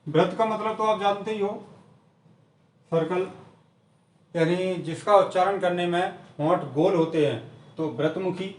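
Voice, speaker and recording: A man teaching an exam-prep grammar lesson, repeating each definition slowly and methodically. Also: high voice, reverberant, far from the mic. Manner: repetitive, drills definitions slowly.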